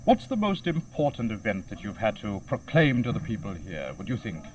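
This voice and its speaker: A man's voice: fairly low pitch, huge pitch swings, moderate pace. A man putting questions as a broadcast interviewer. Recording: muffled, noisy, distant field recording.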